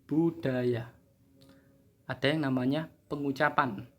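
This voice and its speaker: Male teacher, relaxed joking classroom delivery, mid pitch. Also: takes it slowly, a little hiss or hum. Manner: chatty, joking, laughs at himself. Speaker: English teacher. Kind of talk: casual video lesson.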